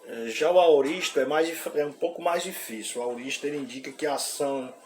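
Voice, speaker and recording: A man with a Brazilian Portuguese accent teaching a Greek grammar class in an informal way, often ending phrases with a questioning "né?" and pausing on fillers. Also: fairly high pitch, noisy background. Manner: frequent "né?" tag questions and hesitant fillers.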